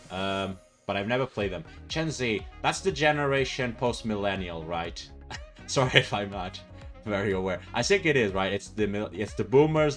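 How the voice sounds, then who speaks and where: A Portuguese livestreamer in his twenties, whose first language is Portuguese, chats casually on his stream while reading viewer comments. His voice is low and a bit bright, and he rambles and corrects himself, laughing often and using many fillers.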